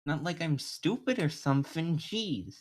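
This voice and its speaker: A woman's voice: deep voice, lively intonation, a little slow, slightly rough, pitched above the performer's own voice, heavily acted. A woman voicing a small, dim-witted male slob creature who stammers and gets defensive.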